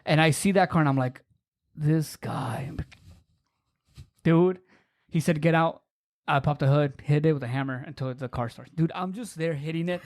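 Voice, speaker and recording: A young man co-hosting a podcast, telling animated stories in casual chat and laughing through them. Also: a little high, moderate pace. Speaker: podcast co-host.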